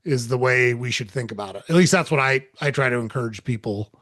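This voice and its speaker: An earnest man lays out his views like a coach, as an interview guest. His voice sits at an ordinary pitch, and the recording is dry and close, with little room sound. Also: brisk, fairly bright tone, dry recording. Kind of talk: reflective interview talk.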